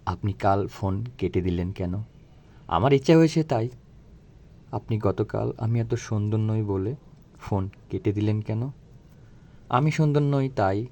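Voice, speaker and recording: A man's voice: on the low side, expressive, measured pace, pauses often, a little mellow. A man voicing a young woman who gives short, teasing replies in a recited phone drama.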